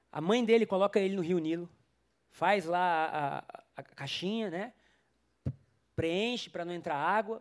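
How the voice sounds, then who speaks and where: High-voiced passionate pastor preaching. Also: male voice. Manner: passionate, swings from loud exhortation to soft murmurs; acts out Bible figures in quoted voices. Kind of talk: sermon. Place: church before a congregation.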